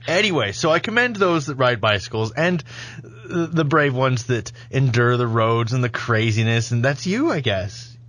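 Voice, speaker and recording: A man's voice: mid-range voice, expressive, moderate pace, fairly bright tone. A man hosting a podcast, rambling and joking at his own expense. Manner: jokey, self-mocking, rambling. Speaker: podcast host. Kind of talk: casual podcast chat. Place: studio.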